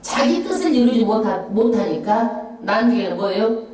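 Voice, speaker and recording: A woman's voice: normal speed, slight background noise. Emphatic woman pastor in an echoey church. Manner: emphatic, rhetorical questions, lively swoops in pitch. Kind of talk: Bible-study sermon with congregational reading. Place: church sanctuary. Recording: echoey church hall, voice from a distance.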